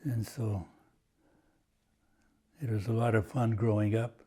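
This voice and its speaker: An older man from Washington State, USA, whose first language is Croatian, slowly reminisces about his family's past in an oral history interview. He speaks haltingly with many "uh" pauses, in a lowish, steady, mellow voice with a breathy edge.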